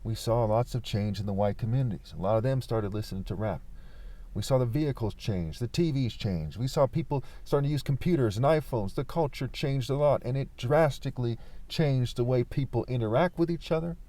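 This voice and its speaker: Guy doing an off the cuff political rant, low-key dark tone, keeps arguing with rhetorical questions. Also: brisk, dry recording. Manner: argumentative, leaning on rhetorical questions and repetition. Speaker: political commentator. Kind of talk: informal political monologue.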